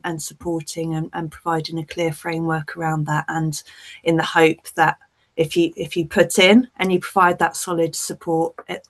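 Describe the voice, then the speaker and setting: A woman with a lowish voice appears over a video call as a principal social worker on a webinar panel. She explains things in an earnest, measured way.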